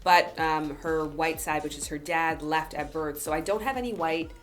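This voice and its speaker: A young woman from Guyana hosting a casual chat, telling stories in an animated way. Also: low voice, normal speed. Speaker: host.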